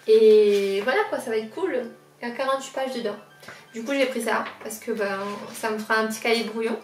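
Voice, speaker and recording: A young woman from La Réunion chats her way through a back-to-school haul, fond of everything she shows. Her slightly high voice sits back from the mic in an echoey room. Faint music plays underneath. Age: 20s. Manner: chatty, keeps repeating how much she likes things. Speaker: lifestyle vlogger. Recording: roomy sound, mic at a distance, faint background music.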